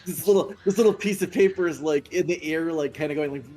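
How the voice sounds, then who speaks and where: A man's voice: on the high side, fast, dark tone, soft background music, poor audio. A man chatting casually as a player in a tabletop role-playing game.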